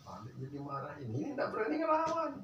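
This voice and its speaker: A man's voice: on the high side, fast talker, dull audio. Older man with a lilt, in an echoey room. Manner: animated, swinging between hushed murmurs and loud outbursts. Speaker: guest recounting a family story. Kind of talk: casual conversational storytelling. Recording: echoey room, distant mic, faint ambient hiss.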